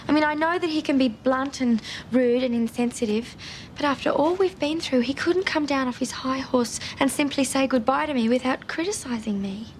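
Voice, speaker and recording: An actress playing a sensitive, hurt young Australian bride-to-be in a television soap, wounded and emotional. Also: female voice, sits high, normal speed, a little hiss or hum, close to an everyday voice. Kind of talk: television soap drama acting. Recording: TV soundtrack, faint music.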